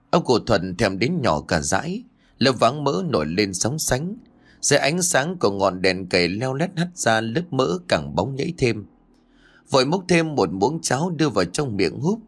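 A man narrating a scripted horror story, telling it in a dramatic and animated way. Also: mid-range voice. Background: faint music.

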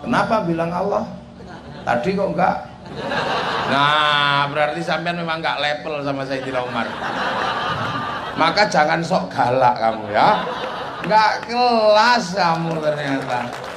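A man's voice: a little high, measured pace, pauses often. A man preaching a humorous sermon, telling a story and acting out the dialogue. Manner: animated, joking, acts out dialogue. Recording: echoey hall with crowd noise.

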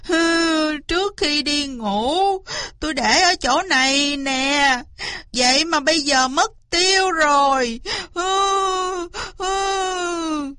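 A woman's voice: expressive, unhurried, bright, forceful tone, dry recording, full character voice. A woman voicing a sly, boastful male fox who whines and wails, in a storybook reading. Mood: wailing. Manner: wheedling, wailing, shrill.

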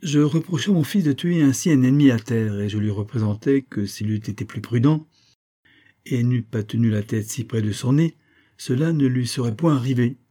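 A man reading a classic adventure novel aloud as first-person narrator, steady storytelling. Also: medium pitch, normal speed. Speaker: audiobook narrator.

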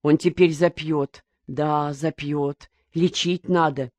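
A woman reading an audiobook, voicing an old village mother who speaks softly and resignedly. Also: sits low, fairly even intonation, slow, dry recording. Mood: worried. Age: older.

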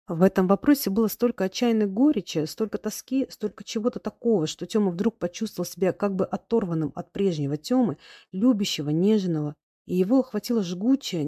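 A woman narrating classic fiction in a measured, expressive audiobook reading. Her voice sits low and mellow, unhurried and even.

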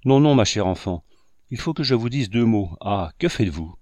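A man's voice: on the low side, expressive, moderate pace, a little mellow, no echo, close to an everyday voice. A man voicing a startled, anxious grown man who speaks in abrupt exclamations.

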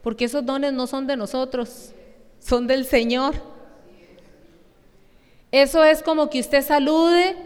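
A woman's voice: high-pitched, in a large hall. A woman preaching a sermon, emphatic and asking the congregation questions.

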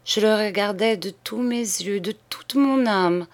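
A woman reading aloud, voicing a dying middle-aged woman who confesses to her sister in a hoarse, halting whisper. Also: medium pitch, voice pushed up, natural voice. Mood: confiding. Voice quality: hoarse, halting broken phrases. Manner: whispered pleading.

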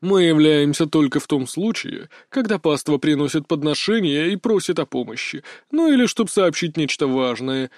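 Guy doing a big fussy ginger cat, whiny and haughty, raised pitch, dry sound. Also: animated, moderate pace, few pauses, dry recording, natural voice. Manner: sulky, bargaining, whiny. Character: huge haughty ginger talking cat, male. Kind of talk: audiobook character voice.

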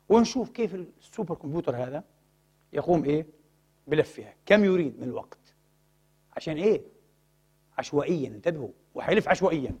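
A man's voice: high-pitched, darkish tone, slightly rough. A man giving a religious science lecture, asking rhetorical questions and prompting the audience to fill in words.

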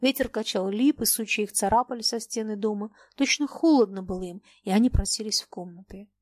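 A woman narrating a literary audiobook in a measured, expressive way. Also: medium pitch, no room sound.

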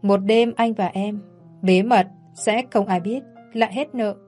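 A woman's voice: mid-range voice, steady tone, measured pace, mellow, faint music behind, lightly acted. A woman voicing a pushy, menacing young man in a spoken story, with a coaxing, threatening manner.

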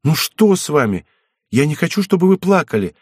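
A lively teenage peasant girl, frank and playful, as a male reader voices her. The husky voice rises in a singsong way, recorded close and dry. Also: a little high, fairly quick, dry recording, pitched above the performer's own voice. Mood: earnest.

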